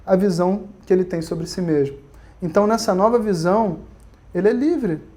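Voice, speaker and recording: A man's voice: high-pitched, normal speed, dark tone. A man with a Brazilian Portuguese accent teaching Vedanta in a conversational, storytelling way. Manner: conversational, storytelling, frequent tag questions. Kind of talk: recorded online lecture.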